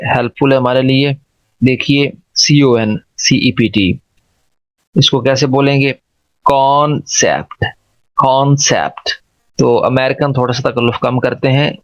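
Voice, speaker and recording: Slow, gravelly male teacher with inflection. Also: medium pitch, dry recording. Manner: repeats words slowly and drills syllables. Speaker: English pronunciation teacher. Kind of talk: slow explanatory lesson. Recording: dull lo-fi dry recording.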